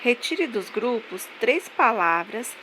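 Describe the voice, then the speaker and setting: A woman teacher giving a language lesson, dictating syllables slowly and clearly. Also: on the high side, very animated, fairly bright tone, slight background noise, poor audio. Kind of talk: online classroom lesson.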